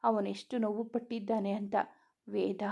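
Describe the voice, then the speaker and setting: A woman narrating a romantic story in a gentle, even reading voice. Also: fairly high pitch, measured pace.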